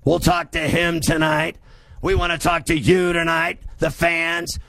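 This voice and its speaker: A man hosting a sports radio show in a loud, scratchy, gravelly voice, boastful and verbose, often yelling. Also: on the high side, little pitch movement, unhurried, no room sound. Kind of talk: brash sports radio monologue.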